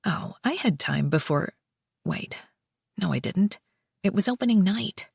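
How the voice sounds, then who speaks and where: A woman narrating a first-person romance audiobook, soft and slow, with breathy whispered passages. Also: mid-range voice, lively intonation, dry recording, clean studio sound.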